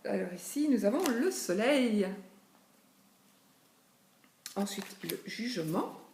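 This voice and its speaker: A woman's voice: mid-range voice, animated, takes it slowly, a little mellow. Woman, chatty tarot reader, thinking aloud, roomy echo, faint background noise. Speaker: tarot reader presenting a deck. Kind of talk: casual chat while showing cards. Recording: echoey room with faint noise.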